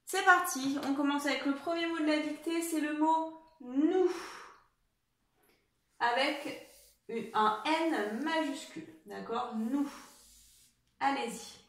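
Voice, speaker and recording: A woman's voice: high-pitched, slow, pauses often, a bit bright, reverberant. A woman teacher giving a dictation lesson to young children, patiently spelling out words letter by letter. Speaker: primary school teacher.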